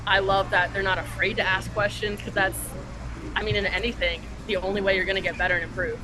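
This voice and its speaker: A woman's voice: medium pitch, level tone, fast talker, noisy background. A young woman, a tennis camp counselor, speaking earnestly and eagerly about teaching kids. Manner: eager and earnest, repeats "I love". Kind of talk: casual interview answer. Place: outdoor tennis courts.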